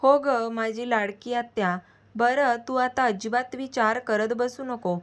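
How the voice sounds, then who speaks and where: A protective, hot-tempered young man who pleads with his aunt and flares up quickly, as a woman storyteller reads him. His voice sits a little high, earnest and caring underneath the anger. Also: steady tone, lightly acted. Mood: affectionate.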